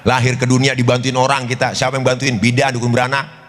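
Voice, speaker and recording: A male preacher with a Betawi accent, animated and full of jokes, who keeps turning to address his listeners directly. His voice sits at a middle pitch and carries a long hall echo. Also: fast talker. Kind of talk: humorous sermon. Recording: reverberant hall.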